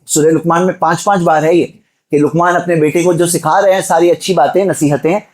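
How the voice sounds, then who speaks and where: Here a male preacher from Mumbai, India, gives an exhorting Friday sermon at a fairly high pitch, keeping his tone steady. He speaks straight to the listeners and leans on rhetorical questions.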